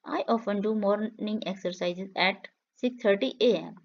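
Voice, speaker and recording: A woman reading English practice questions and answers slowly for learners, saying each line twice in a clear, measured way. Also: medium pitch, highs cut off. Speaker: English teacher. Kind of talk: slow repeated phrase reading for learners.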